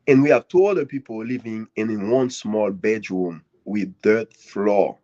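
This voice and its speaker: A man from Haiti, a guest author giving an earnest, grateful speech at a live author event, with swinging emphasis and long dramatic pauses. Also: fairly low pitch, mellow. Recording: dull lo-fi audio.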